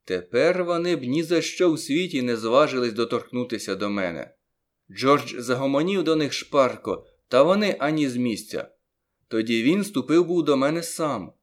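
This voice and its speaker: Here a male audiobook reader voices a first-person tale at medium pitch. He keeps the telling lively, stretching out select words slowly to make them land.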